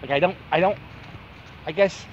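With a fairly high pitch and a moderate pace, a man in his thirties from Philadelphia rambles anxiously and jokingly to himself as he vlogs through a wooded park, phone held at arm's length. The audio has its highs cut off and carries a little hiss or hum.

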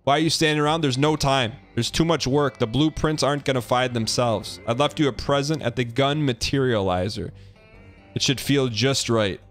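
A man's voice: mid-range voice, normal speed, a bit bright, faint music behind, lightly acted. Man reading as a raving mad scientist, boastful. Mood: impatient.

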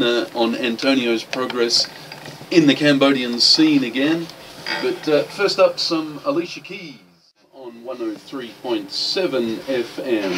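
A man's voice: medium pitch, recorded from a distance, background noise. Joking male radio host, slightly off-mic. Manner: jokey, teasing. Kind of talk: casual radio talk show banter. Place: radio studio.

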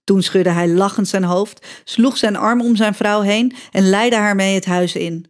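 A woman reading a children's story aloud as scripted narration, expressive and lively, voicing the characters' cries. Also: medium pitch, a little slow. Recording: music bed behind voice.

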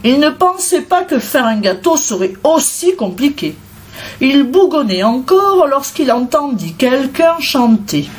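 A woman reading a children's storybook aloud as narrator, expressive and unhurried. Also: high voice. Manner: expressive, unhurried, sing-song.

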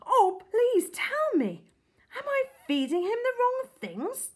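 Storybook figure: a sweet, gushing lady who dotes on her pet, high and sing-song as a woman reader voices her, slow and breathy. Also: sing-song, exaggerated voice. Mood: pleading. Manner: effusive, pleading. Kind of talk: storybook reading.

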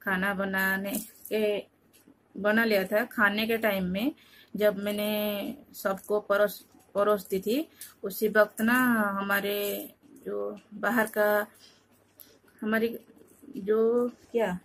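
A tired woman from Odisha, India, telling a home vlog in a casual, halting way, often searching for words and restarting. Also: mid-range voice, little pitch movement, a bit bright. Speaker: vlogger. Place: home at night.

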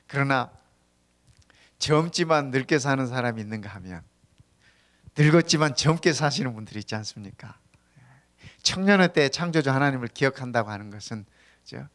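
A male pastor giving a sermon in a church, talking in a conversational way, telling stories and often asking the congregation to agree. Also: mid-range voice. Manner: tells humorous stories. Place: church sanctuary.

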